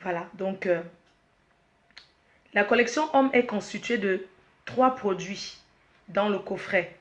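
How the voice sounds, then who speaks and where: A woman, the head of her company, presenting a product launch slowly, repeating herself, restarting, and apologizing while she is emotional and choked up. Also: medium pitch. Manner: slow, repetitive, with frequent restarts and apologies.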